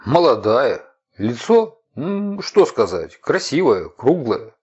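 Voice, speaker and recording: A man's voice: mid-range voice, very animated, slow, darkish tone, slightly rough, pitched above the performer's own voice, heavily acted. A man voicing a nervous, bewildered male informant who answers in short, hesitant replies. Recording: dull lo-fi recording.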